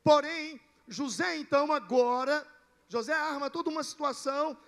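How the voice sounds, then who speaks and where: High gravelly pastor preaching. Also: male voice, normal speed. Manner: storytelling preacher, building to emphatic declarations. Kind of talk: sermon.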